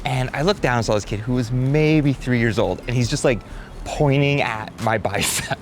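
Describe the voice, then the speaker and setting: A man's voice: mid-range voice, normal speed, slight background noise. A young man narrating his fitness vlog in a scripted voice-over, upbeat and matter-of-fact. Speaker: fitness vlogger.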